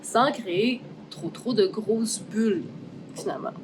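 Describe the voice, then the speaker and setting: Speaking unhurriedly in a fairly high pitch against a noisy background, a Québécois French-accented craft artist narrates a relaxed making-of vlog from her art workshop. She explains things informally, thinks out loud, and drops in some English, with background music playing.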